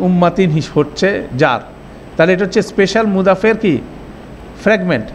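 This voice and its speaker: In a classroom lecture, a man teaches Arabic grammar step by step, checking that students follow. His voice is high-pitched, with slight background noise.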